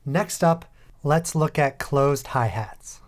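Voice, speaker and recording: A man hosting a music production tutorial, calmly talking through each step in a voice-over. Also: fairly high pitch, slow pace, very noisy. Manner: calm, methodical step-by-step explaining. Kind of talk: tutorial voice-over over a screen recording.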